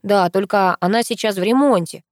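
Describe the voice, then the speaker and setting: A woman's voice: mid-range voice, moderate pace, no room sound, natural voice. Woman reading a bragging eager young guy, plain voice, dry recording. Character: young man, boastful, eager, cheerful.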